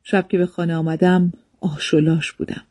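A man reading a memoir aloud as a calm, measured storybook narration, recorded close to the mic. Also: fairly high pitch, dry recording.

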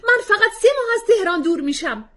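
A woman's voice: mid-range voice, lively intonation, slightly rough, voice pushed up. A woman reading a story aloud, voicing a frustrated mother and actress arguing with her husband.

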